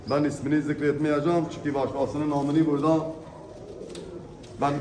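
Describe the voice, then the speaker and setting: Echoey, higher-pitched man presenting a bird auction. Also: darkish tone. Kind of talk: auctioneer's showcase sales pitch, unscripted. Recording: echoey room with background noise. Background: birds, pigeons.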